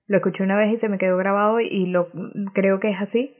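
Woman guest, middle pitch, measured and reflective, hesitates with fillers. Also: fairly even intonation, a little mellow. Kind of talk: casual conversation.

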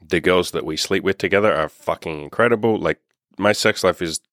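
A man in his mid-thirties speaks in a deep, low register. He is a dating coach in a casual podcast monologue, candid and upbeat with plenty of swearing. The sound is dry and close, with no room echo. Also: a little fast, fairly bright tone. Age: 30s. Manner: candid, upbeat and heavily profane. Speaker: dating and self-improvement coach.

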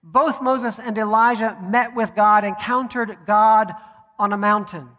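High-voiced preacher in a reverberant hall. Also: male voice, fairly even intonation, sharp tone, muffled recording. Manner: measured, with deliberate pauses. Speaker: pastor. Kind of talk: sermon. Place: church sanctuary.

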